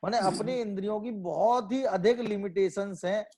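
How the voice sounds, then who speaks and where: Speaking at a moderate pace, this Jain scholar has a slightly higher, somewhat mellow voice as he explains scripture in a religious lecture. He reasons aloud by asking rhetorical questions, answering them, and restating his phrases.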